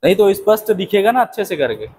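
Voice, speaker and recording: Male biology teacher, very high voice, quizzes the class and answers himself. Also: big pitch swings, fast, darkish tone, slightly rough. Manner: asks questions and answers them himself. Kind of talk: classroom-style lecture.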